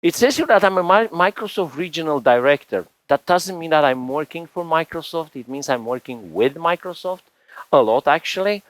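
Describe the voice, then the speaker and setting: A man's voice: fairly high pitch, animated, normal speed, no room sound, poor audio. A man in his forties from Romania, giving a chatty conference tech talk on stage with lots of fillers and restarts. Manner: chatty, rambling, frequent restarts and "you know" fillers. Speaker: conference speaker.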